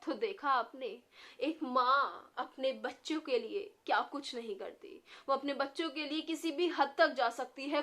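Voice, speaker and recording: Young woman, storyteller, high-pitched, earnest, heartfelt message. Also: fairly bright tone. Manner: earnest, mixing in English phrases.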